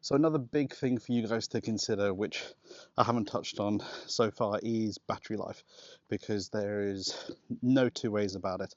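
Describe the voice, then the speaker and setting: Low-voiced man rambling on a walk. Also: moderate pace, no echo, dull audio. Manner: relaxed, rambling with many restarts and laughs. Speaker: vlogger. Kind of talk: casual walking vlog. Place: outdoors on a walk in a park. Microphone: wireless clip-on mic.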